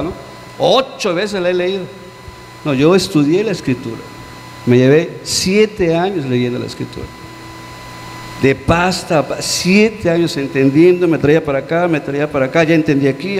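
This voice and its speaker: Male pastor, high voice, earnest questioning sermon delivery, long hall reverb. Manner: earnest, questioning, dropping low on key words. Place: church hall. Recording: long church-hall reverb with faint hum.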